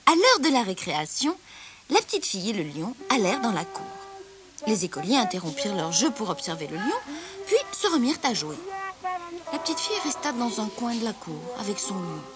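A woman reading a children's story aloud with expressive, dramatic narration. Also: medium pitch, a little fast.

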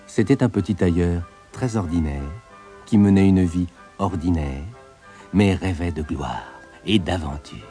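A man narrating a fairy tale in a lively, expressive storytelling manner. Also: low-pitched, unhurried. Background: soft background music.

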